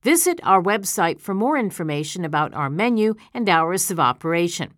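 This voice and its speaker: A woman's voice: lowish voice, sing-song, moderate pace, dry recording, clean studio sound. A woman reading a scripted advertisement in an upbeat, inviting way. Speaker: advertisement reader in a test recording.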